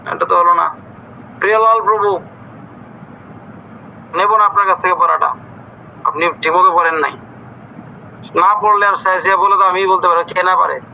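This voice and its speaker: A man's voice: high voice, steady tone, normal speed, creaky, pauses often, lo-fi sound, a little hiss or hum. A man teaching an online scripture class, strict and scolding as he quizzes his students and corrects their pronunciation.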